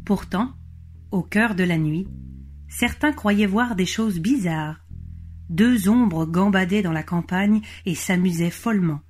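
Woman, storybook narrator, gentle, expressive, faint background music. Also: medium pitch, slow pace.

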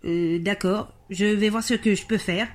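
Une femme qui fait la voix d'un ver de terre mâle timide et sceptique, qui hésite en parlant, sur fond de musique. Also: female voice, mid-range voice, steady tone, unhurried, slight background noise, close to an everyday voice. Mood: doubtful. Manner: hesitant, mumbling with "euh". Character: timid, doubtful male earthworm friend. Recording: music playing behind.

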